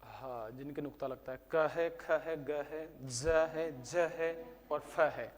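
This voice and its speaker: A man's voice: on the high side, slow pace, long reverb tail. A male teacher giving a history lesson to a class, teasing students and asking questions that he then answers himself. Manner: teasing, talks to students by name.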